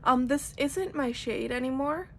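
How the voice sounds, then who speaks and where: High-pitched young woman with creaky fry. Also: measured pace, slight background noise. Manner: informal, rambling, frequent "like". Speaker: makeup tutorial host. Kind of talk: casual chatty tutorial.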